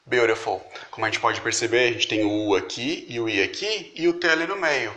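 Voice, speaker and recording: A man whose first language is Portuguese explains pronunciation as a tutor, repeating example words slowly and deliberately. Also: medium pitch, pushed and bright, reverberant. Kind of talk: instructional explanation.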